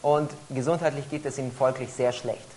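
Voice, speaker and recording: A woman interpreting a talk phrase by phrase, often pausing and hesitating as she searches for words. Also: very deep voice, fairly even intonation, dark tone, low-quality recording. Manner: frequent hesitations while rendering each phrase. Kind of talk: consecutive interpreting into German.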